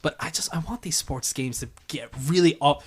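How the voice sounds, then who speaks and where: A man's voice: on the high side, normal speed, slightly rough. A young man co-hosting a gaming podcast in casual chat, talking loosely with fillers and restarts and laughing easily. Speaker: podcast co-host.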